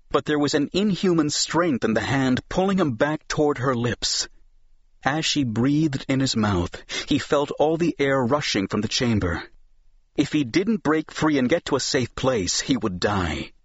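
A man narrating a science fiction novel as an audiobook, in a measured, dramatic storytelling manner. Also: mid-range voice, animated, slightly rough, no echo. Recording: slightly dull, dry studio recording.

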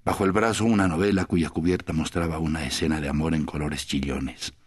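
A man narrating a literary novel as an audiobook, in a measured, calm storytelling manner with a husky voice. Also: very deep voice.

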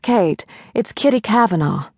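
A woman narrator voicing a poised, cultured suburban woman who speaks low and refined. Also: expressive, normal speed, darkish tone, husky, no echo, clean studio sound. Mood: polite.

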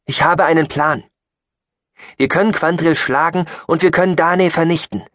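A man's voice: a little high, normal speed, a bit bright, dry recording, studio quality, pitched above the performer's own voice, close to an everyday voice. A man doing a desperate pleading hero. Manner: urgent, raised pleading voice.

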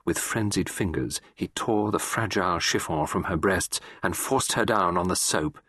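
A man reading a classic mystery as an audiobook narrator, measured and expressive. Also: low voice, slightly rough, no room sound, studio quality.

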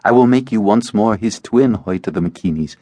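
A man's voice: on the low side, a little fast, mellow, dry recording, pitched above the performer's own voice, close to an everyday voice. A man voicing a seductive, cold female vampire demon who speaks in a silky, taunting way.

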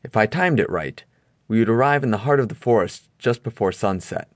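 A man reading an audiobook aloud in measured first-person storytelling narration. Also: on the low side, animated, dry recording. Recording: dry close studio recording.

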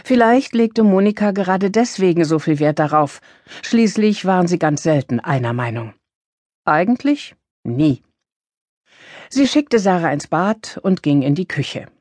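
A woman narrating an audiobook in a clear, expressive reading voice. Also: lowish voice, dry recording. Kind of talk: scripted narration.

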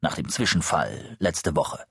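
A man voicing a middle-aged male psychologist in an audiobook, speaking smoothly, evenly and with quiet insistence. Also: extremely low pitch, very animated, measured pace, no room sound, studio quality, full character voice. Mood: soothing. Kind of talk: audiobook character reading.

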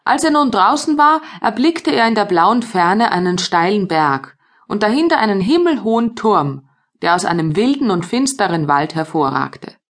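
A woman's voice: mid-range voice, moderate pace. Woman reading a fairy tale aloud. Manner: lively storytelling for children. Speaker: audiobook narrator. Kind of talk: scripted fairy tale narration.

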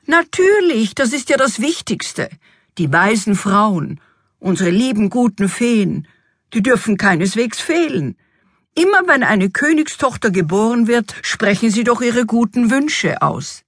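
A woman voicing an excitable, fussy fairy-tale king in a storybook reading, with an exuberant, exclamatory manner. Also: mid-range voice, a little slow, breathy edge, no room sound, clean studio sound, voice pushed up.

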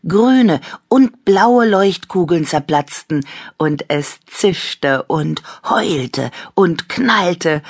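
A woman reads her own children's book aloud in a low, unhurried voice. Her delivery rises and falls with lively expression. The recording is dry and close. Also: breathy edge, dry recording. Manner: calm, storytelling, expressive. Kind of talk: children's audiobook narration.

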